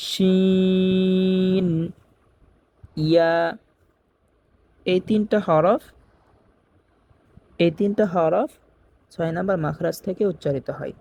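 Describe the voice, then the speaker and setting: A man teaching Quran reading, slowly repeating each Arabic letter sound and explaining where in the mouth it is made. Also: high voice, gravelly, darkish tone, lo-fi sound. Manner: chants the Arabic opening phrases in a drawn-out sing-song.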